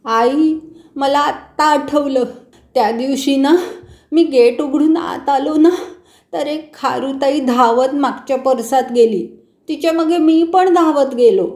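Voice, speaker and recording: Lady doing a scared lil boy, high and teary, slow, kinda echoey room. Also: a little mellow. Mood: tearful. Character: little schoolboy, scared and tearful, owning up. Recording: roomy echo.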